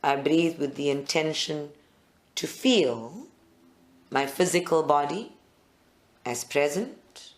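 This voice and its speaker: Pausing between short, deliberate phrases, a meditation guide with a mid-range voice leads a group session live.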